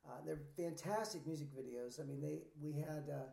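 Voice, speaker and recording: A man's voice: a little high, normal speed, vocal fry, mellow, roomy sound. A man, a singer-songwriter guest, chatting casually in an interview with a rambling, laid-back way of talking. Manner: laid-back, rambling storyteller with many fillers.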